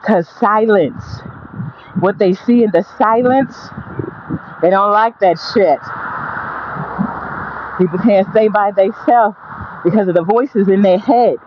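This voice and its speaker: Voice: medium pitch, slow, pauses often. Someone out walking giving blunt sweary motivational talk, repeats stuff for emphasis, muffled phone-ish audio w some faint noise. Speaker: motivational vlogger. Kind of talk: motivational monologue, casual straight talk.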